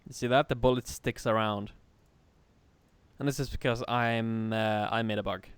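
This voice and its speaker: A man's voice: medium pitch, fairly even intonation, normal speed, clear, resonant tone, dry recording. A man teaching a live coding lesson in a casual way, laughing and swearing freely. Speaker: programming teacher.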